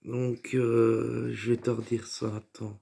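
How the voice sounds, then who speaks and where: A man's voice: medium pitch, level tone, slow, creaky, mellow, slightly rough. A man talking casually to camera about his videos, hesitant, with many fillers and restarts, now and then joking. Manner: chatty, joking aside. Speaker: vlogger and sketch maker. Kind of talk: casual rambling vlog talk.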